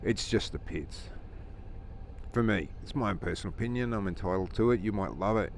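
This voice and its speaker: This motovlogger speaks a little fast in a fairly low voice, recorded from inside his helmet as he rides outdoors amid engine and traffic noise. His talk is a casual, rambling rant, opinionated yet conversational, with chuckles mixed in.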